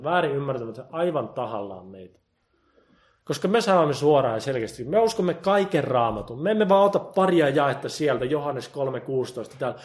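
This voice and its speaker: A man preaching a sermon with passion, moving from loud emphasis to quiet, intense appeals and quoting God in the first person. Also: mid-range voice.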